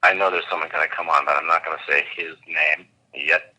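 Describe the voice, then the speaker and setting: A man coaching a guest on a call, talking with lively enthusiasm and vivid imagery. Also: rumbling low, a little fast, poor audio. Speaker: host and coach.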